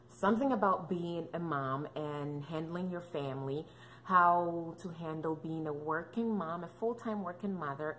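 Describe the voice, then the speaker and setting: A woman in her 30s who vlogs about fitness and motherhood talks casually to camera in a low voice, playful and joking with plenty of fillers. The low-quality recording carries slight background noise.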